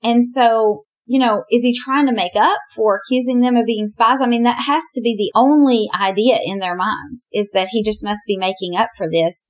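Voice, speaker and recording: A woman teaching a Bible lesson in a conversational, animated way. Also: mid-range voice. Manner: chatty, animated, often says "you know".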